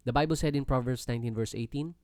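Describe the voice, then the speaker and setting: A man's voice: mid-range voice, fast, darkish tone, dry recording. A Filipino man with a Filipino accent giving an earnest, polite Bible teaching talk in mixed Tagalog and English. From Philippines. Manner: earnest, polite, often uses "po" and "no?".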